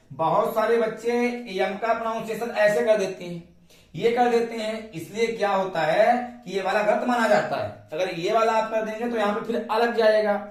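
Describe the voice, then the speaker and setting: High-voiced indian guy teaching grammar, keeps asking and answering himself, roomy sound. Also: far from the mic. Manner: repeats questions to students. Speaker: English teacher. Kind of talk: classroom grammar lesson.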